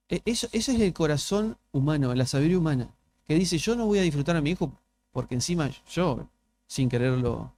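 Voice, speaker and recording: A man's voice: mid-range voice, creaky, darkish tone, a little hiss or hum. A male pastor with a Rioplatense Spanish accent, preaching a sermon in a conversational way and often asking the congregation rhetorical questions. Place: church.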